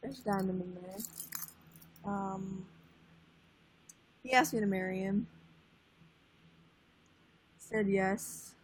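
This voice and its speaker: A woman's voice: mid-range voice, drawn-out words, long pauses, a little hiss or hum, poor audio. An eighteen-year-old woman chatting casually on a livestream, laid-back and swearing offhandedly. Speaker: livestream guest. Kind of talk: casual chat.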